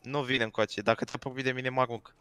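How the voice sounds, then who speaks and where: A man in a game roleplay, talking in a flat, low-key and stubborn way. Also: smooth, no echo. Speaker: roleplay player. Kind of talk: casual game roleplay chat.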